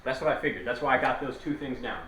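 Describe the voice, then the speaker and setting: A man's voice: medium pitch, fast talker, a bit bright. A man at a tabletop game, flustered and self-mocking, swearing often. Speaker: player. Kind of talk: casual tabletop game chat. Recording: far from mic in an echoey, noisy room.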